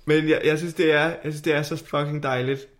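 A man's voice: on the high side, flat delivery. A man, chatting casually as a podcast co-host. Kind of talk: casual chat.

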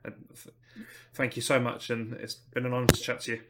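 A man's voice: medium pitch, monotone, brisk, heavy background noise. A young man hosting a football podcast, politely reading out prepared questions and wrapping up the show. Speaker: podcast host. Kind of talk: casual podcast interview.

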